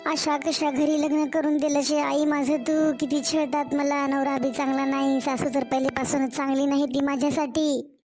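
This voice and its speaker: A woman's voice: sits high, level tone, moderate pace, darkish tone, soft background music, natural voice. A woman voicing a young, mistreated daughter-in-law in a cartoon story, pleading. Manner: pleading, complaining.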